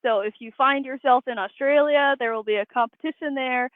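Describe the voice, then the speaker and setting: A woman's voice: high-pitched, a little fast, no echo. Woman arborist on a tinny line. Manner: explanatory, matter-of-fact. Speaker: arborist guest. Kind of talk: interview answers. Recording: tinny dry phone-like line.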